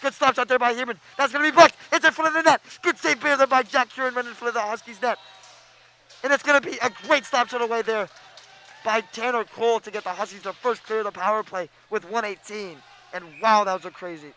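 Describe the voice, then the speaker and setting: A young man calling live hockey play-by-play, excitable and quick, stumbling over names as he goes. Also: extremely high pitch, poor audio. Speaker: play-by-play announcer.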